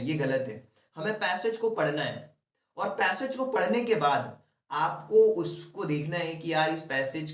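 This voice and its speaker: A young male teacher coaches students through an exam-prep lesson, slipping English terms into his chatty explanations. His voice sits a little high. He is heard in an echoey room, set back from the microphone. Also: far from the mic. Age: young adult.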